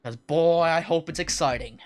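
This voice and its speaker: A young man hosting and commentating a live-streamed sim racing league, chatting casually with viewers between loud, high-pitched race calls. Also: moderate pace.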